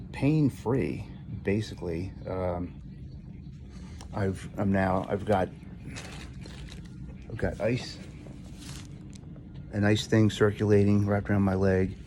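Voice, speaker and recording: A man with a low, gravelly voice talks casually to a video diary as a patient, halting and matter-of-fact as he searches for words, in a hospital room. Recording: noisy room ambience behind voice.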